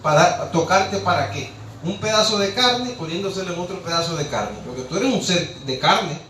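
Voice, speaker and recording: A man's voice: high voice, expressive, normal speed, bright, forceful tone, a little hiss or hum. A man preaching a sermon, impassioned, rhetorical and scolding. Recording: echoey room, distant mic, faint ambience.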